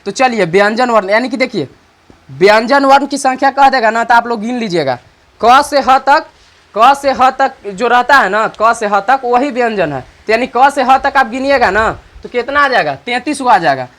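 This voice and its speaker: A man's voice: very high-pitched, expressive, fairly bright tone. A man teaching an online grammar class, repeating each point and asking questions that he answers himself. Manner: repetitive, asks questions and answers them himself; slow dictation while writing.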